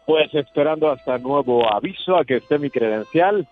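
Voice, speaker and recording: A man's voice: fairly high pitch, lively intonation, moderate pace, noisy background. A man with a Mexican accent chatting casually as a guest calling in to a live show. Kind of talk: casual conversation. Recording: dull lo-fi remote audio.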